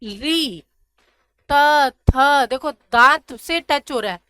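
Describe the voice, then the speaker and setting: A woman teaching a grammar lesson, slowly repeating syllables and asking questions that she answers herself. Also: high voice, lively intonation, sharp tone. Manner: drills syllables slowly, asks and answers her own questions. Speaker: Sanskrit teacher.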